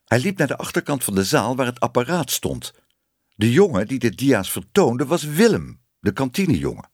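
Lively, expressive male storyteller. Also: mid-range voice, moderate pace, breathy edge, no room sound, clean studio sound. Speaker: narrator. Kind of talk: audiobook reading of a children's story.

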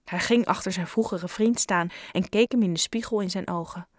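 Lively woman storyteller reading a kids' audiobook, bone-dry close sound, playful asides. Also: on the low side, moderate pace, dry recording. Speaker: narrator. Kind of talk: audiobook narration.

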